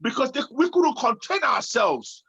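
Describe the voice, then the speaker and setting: Animated man, bright husky voice. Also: normal speed. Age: 40s. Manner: animated, swings between loud excitement and low musing. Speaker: podcast co-host. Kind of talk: casual chat. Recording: dull lo-fi sound.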